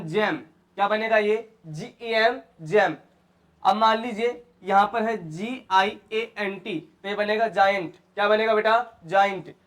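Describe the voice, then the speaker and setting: A man's voice: high voice, fairly bright tone. A man teaching English pronunciation in who keeps asking his students questions and repeating each answer. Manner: asks and repeats questions, calls students "beta". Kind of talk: classroom lesson.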